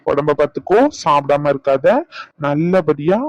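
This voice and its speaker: A man's voice: on the high side, steady tone, moderate pace, no room sound, lo-fi sound. A man voicing a playful, cheeky young husband in a cartoon. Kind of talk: cartoon voice acting.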